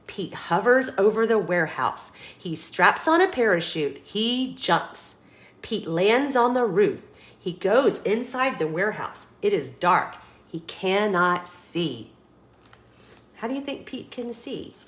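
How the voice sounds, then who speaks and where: Questions for young listeners punctuate this woman's expressive, dramatic reading of a children's picture book. The storytime host has a medium-pitched voice and reads at a slow pace.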